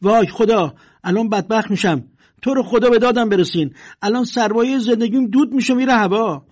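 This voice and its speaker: A man's voice: high voice, a little mellow, voice pushed up. A man voicing a panicked older male carpet merchant who shrieks and bosses people around. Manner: shrieking, frantic, bossy. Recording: dull lo-fi recording.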